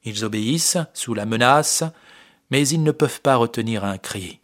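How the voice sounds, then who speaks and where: A man with a mid-range voice reads an audiobook story. He speaks clearly and at a measured pace, in a steady narrating tone. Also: medium pitch, slight background noise.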